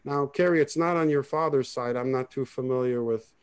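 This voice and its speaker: A man's voice: mid-range voice, fairly quick, smooth. A man from Israel, giving a rambling, conversational family history talk on a video call. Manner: rambling, conversational, many restarts. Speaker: presenter.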